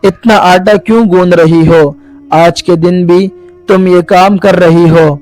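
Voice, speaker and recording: A man's voice: sits high, fairly even intonation, darkish tone, faint music behind, natural voice, poor audio. A man voicing a devoted husband who weeps and asks sorrowful questions. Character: grieving devoted husband, weeping and bewildered.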